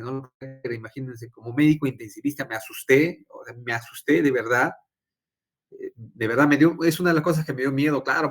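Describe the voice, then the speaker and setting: Lecturing man tagging lines with "¿no?". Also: mid-range voice. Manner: quizzes students, tags many phrases with "¿no?". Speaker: physiology lecturer and intensive care doctor. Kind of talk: informal lecture with personal anecdote.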